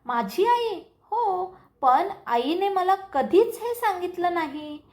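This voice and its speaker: A woman voicing Anvi, a caring young woman in a read-aloud story, speaking gently and with concern. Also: very high-pitched, animated, slow, pitched above the performer's own voice, heavily acted.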